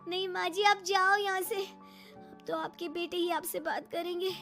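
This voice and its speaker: A woman voicing an upset young daughter-in-law in an animated story, complaining indignantly. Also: very high voice, unhurried, soft background music, pitched above the performer's own voice, heavily acted.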